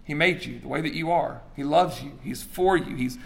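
A man's voice: fairly high pitch, moderate pace, creaky. A male pastor in his forties preaching a sermon, telling stories and asking the congregation questions. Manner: storytelling, emphatic, asks the crowd questions.

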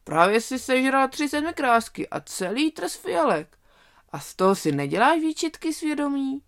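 A reader doing an old toothless wolf, gravelly and grumbling. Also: high voice, big pitch swings, fairly bright tone, pitched above the performer's own voice, full character voice. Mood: indignant.

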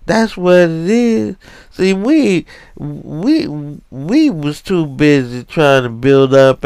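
A man's voice: mid-range voice, creaky, clean tone, dry recording. A man doing a tipsy rambling old uncle. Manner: rambling, slurred slang, drawn-out storytelling. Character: tipsy rambling older uncle, nostalgic and grumbling. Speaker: comic character on a podcast.

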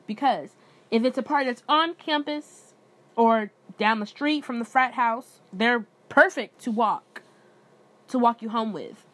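Young woman, twenties, podcast host, casual profane slangy chat, fairly high voice. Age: 20s. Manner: loose, slangy and profane, addresses listeners as y'all.

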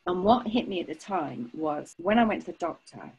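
A woman speaking as a podcast guest, telling her own story in a frank, emphatic and animated way. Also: lowish voice, normal speed, creaky, breathy edge, poor audio. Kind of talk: candid personal storytelling.

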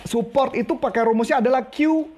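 A man's voice: very high-pitched, brisk, noisy background. A man coaching a live-streamed training session, chatty and teasing, who repeats each instruction several times. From Indonesia.

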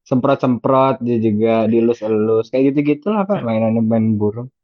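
A younger man, deferential and quick to laugh, playing along in a comedy skit. His voice sits at a middle pitch. The recording is dry and slightly muffled, with a lo-fi dullness. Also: dry recording. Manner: deferential, laughing, says "Pak" often. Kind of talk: improvised comedic banter.

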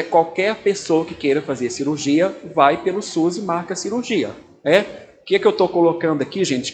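A man's voice: fairly high pitch, a little mellow, a little hiss or hum. A man with a Brazilian Portuguese accent, a pastor giving an informal talk and often checking in with his listeners. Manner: conversational, keeps turning to listeners with tag questions.

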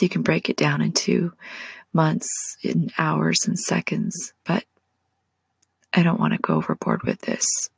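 Woman, 40s, low gravelly whisper, gentle devotional ASMR-style guide. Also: dry recording. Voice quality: breathy whisper. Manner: slow, soft and prayerful, speaks directly to the listener.

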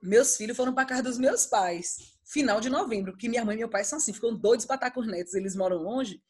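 Woman, husky, fairly high-pitched, casual storytelling, animated. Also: fast. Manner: animated, acts out her children's voices. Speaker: podcast co-host.

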